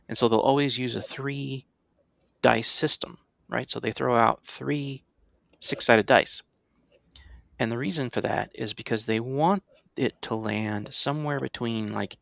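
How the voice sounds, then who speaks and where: Creaky and a bit bright, a middle-aged man's mid-range voice carries his casual podcast explanations, peppered with "right?" to check in with the listener. The audio is dull with no room sound.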